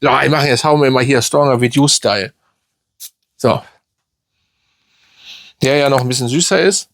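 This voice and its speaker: A man's voice: mid-range voice, moderate pace, fairly bright tone, dry recording. A middle-aged man casually reviewing a fragrance, rambling with lots of fillers and tag questions, speaking close to the mic.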